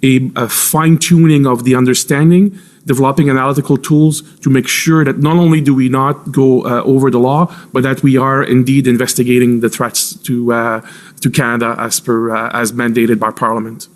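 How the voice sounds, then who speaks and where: A man giving formal testimony as an intelligence official under cross-examination, choosing his words carefully with many pauses and repeats. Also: medium pitch, level tone. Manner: careful, halting, hedged with frequent pauses and repeats. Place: formal public inquiry hearing.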